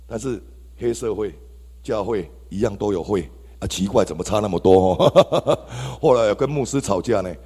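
A man's voice: lowish voice, normal speed, darkish tone, breathy edge. A man with a Taiwanese Mandarin accent giving an exclamatory testimony to a church congregation, addressing the listeners directly. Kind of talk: testimony sermon. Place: church hall. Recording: reverberant church hall.

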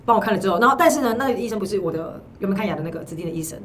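A woman co-hosting a podcast in a casual chat, telling a story in an animated, chatty way with a Taiwanese Mandarin accent. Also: medium pitch, rapid-fire, distant mic, slight background noise. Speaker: podcast co-host.

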